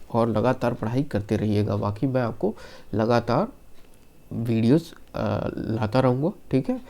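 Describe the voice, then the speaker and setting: A man teaching an online Hindi exam-prep lesson, slightly hoarse from being unwell, reeling off lists of words and reassuring his students. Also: mid-range voice, mellow. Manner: rattles off word lists, reassuring asides to students.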